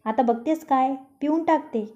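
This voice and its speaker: A woman's voice: sits high, normal speed, dark tone, dull audio, close to an everyday voice. A woman voicing a grumpy, sarcastic young man. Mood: irritated sarcastic. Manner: taunting, sarcastic. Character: young man, grumpy, teasing, quick to snap.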